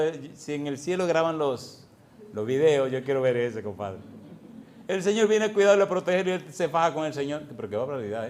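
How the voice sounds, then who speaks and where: A male pastor preaching a fervent sermon, swinging between loud and soft and asking the congregation repeated questions. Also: fairly high pitch.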